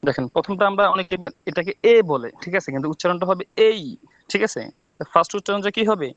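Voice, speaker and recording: A man's voice: high-pitched, sharp tone, no echo, dull audio. A man teaching an online English class from a village home over his phone, often checking with "ঠিক আছে?". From Bangladesh. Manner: quick, repeats "ঠিক আছে?" to check students.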